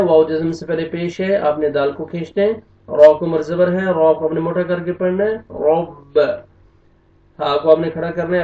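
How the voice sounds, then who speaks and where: Here a slightly high-voiced man with a Pakistani Urdu accent leads a tajweed lesson, naming letters and vowel marks and then reciting them slowly with long stretched notes. Brisk explanations break up the recitation, and the sound is distant, roomy, dull and lo-fi.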